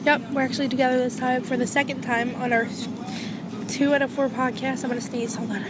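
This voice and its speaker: A woman's voice: sits high, little pitch movement, brisk, very noisy. A teenage girl co-hosting a casual podcast, chatty and telling stories, recorded on a phone in the back seat of a car. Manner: chatty, storytelling. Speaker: podcast co-host. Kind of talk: casual chat.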